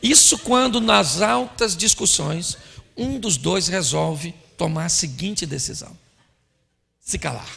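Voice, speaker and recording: A man pastor preaches a lively, joking sermon at a church conference. His voice sits high and bright with a heavy gravelly rasp, and he keeps slipping into little acted scenes. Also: measured pace. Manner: animated, playful, acts out scenes. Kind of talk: humorous sermon.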